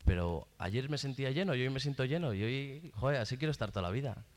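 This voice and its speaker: A man's voice: medium pitch, lively intonation, fast. A young man with a Spanish accent from Spain gives a rambling, colloquial and heartfelt religious testimony at a retreat. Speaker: retreat participant giving testimony.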